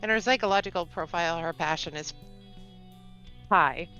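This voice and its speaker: A woman's voice: lowish voice, normal speed, pushed and bright, soft background music, rough recording. A woman playing a tabletop game, chatting eagerly and rambling through her plans with lots of fillers. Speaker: player. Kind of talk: casual tabletop game chat.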